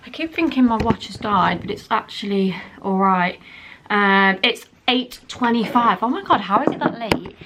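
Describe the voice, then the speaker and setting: Background noise sits behind a young woman's expressive, medium-pitched voice at normal speed. She's vlogging at home, chatty and rambling, fixing her own words mid-sentence, and a chest infection leaves her wheezy.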